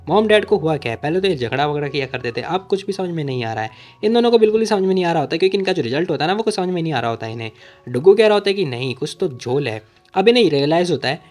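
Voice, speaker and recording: A man casually recapping a comic story, chatty and jokey, with quick asides to listeners and voices for each character. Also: on the high side. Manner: chatty, jokey, keeps calling listeners brother. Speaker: manhua recap narrator.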